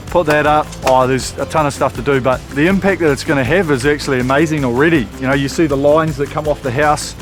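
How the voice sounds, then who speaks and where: Kiwi guy just chatting about his place, plain-spoken, music playing behind him. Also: a little high. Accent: New Zealand. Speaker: homeowner on a renovation show. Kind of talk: casual chat to camera.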